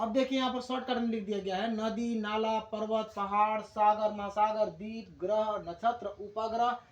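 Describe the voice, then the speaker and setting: A man teaching English grammar, explaining slowly in Hindi and repeating key words for his class. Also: sits high, roomy sound.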